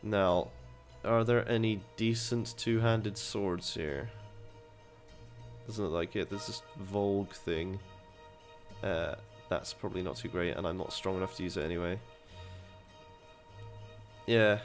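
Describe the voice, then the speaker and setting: Low-voiced young man narrating his gameplay. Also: fairly even intonation, a little slow, pauses often, faint music behind. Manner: chatty, swears casually, thinks aloud while playing. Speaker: gaming video host. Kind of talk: casual gameplay commentary.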